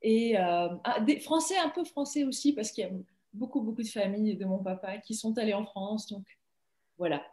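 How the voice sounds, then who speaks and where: A woman's voice: medium pitch, normal speed, warm tone, roomy sound. A young woman from Belgium, an actress, chatting casually and laughing often in an interview over a video call.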